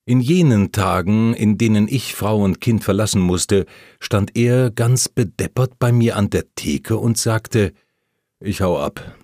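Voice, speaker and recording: A man reading a first-person memoir aloud, telling the story calmly and plainly while voicing the quoted lines. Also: lowish voice, unhurried, no room sound, studio quality. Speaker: audiobook narrator.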